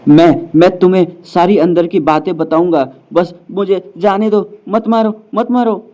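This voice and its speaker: A man's voice: mid-range voice, fairly even intonation, normal speed, warm tone, lightly acted. A man voicing a cowardly male magus who grovels and begs for his life. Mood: begging. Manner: pleading, groveling. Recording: slightly dull lo-fi sound.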